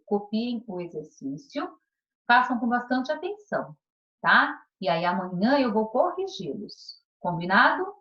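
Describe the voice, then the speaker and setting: A woman's voice: medium pitch, muffled recording. A woman with a Brazilian Portuguese accent giving a recorded lesson to primary school pupils. She asks patient questions and checks often that the class is following.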